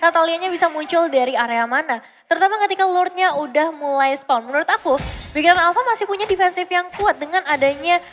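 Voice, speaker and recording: Fast, high-pitched Indonesian woman esports caster. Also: a bit bright, a little hiss or hum. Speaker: esports analyst commentator. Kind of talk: live analytical game commentary.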